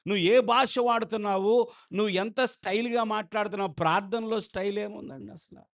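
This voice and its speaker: A man preaching a sermon as pastor, slow and emphatic, who often turns to ask the congregation questions. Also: high-pitched, fairly even intonation, creaky. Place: church.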